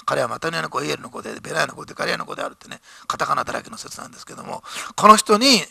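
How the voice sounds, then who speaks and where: Gravelly, bright-voiced male pastor preaching. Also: on the high side, sing-song, rapid-fire, no echo. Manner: preaches with rising fervor, reading scripture aloud. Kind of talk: sermon. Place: church.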